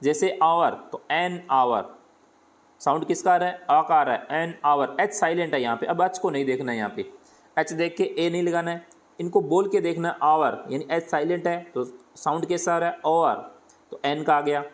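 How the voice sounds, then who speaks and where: Teacher voice: man with a Hindi accent, slightly high-pitched, patient step-by-step grammar explanation. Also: normal speed. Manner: explains step by step, asks and answers his own questions. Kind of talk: grammar lesson.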